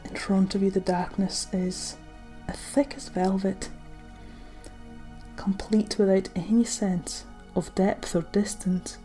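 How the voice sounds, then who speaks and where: A woman with a warm, mellow, medium-pitched voice narrates like a sleep story guide. Her scripted meditation delivery is gentle and unhurried, with phrases trailing softly into breath. Faint music plays behind her. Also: little pitch movement, poor audio.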